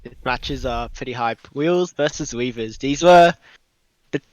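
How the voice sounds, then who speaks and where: A young man co-casts an esports match in a casual, slangy way. His voice sits at a middle pitch and the recording is dry, with very little room sound. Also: unhurried, no room sound, muffled recording. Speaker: esports co-caster. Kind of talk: casual esports caster commentary with gamer slang.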